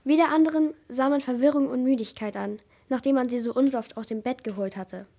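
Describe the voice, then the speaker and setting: A woman narrating a suspense audiobook in a steady, measured reading voice. Her voice sits somewhat high.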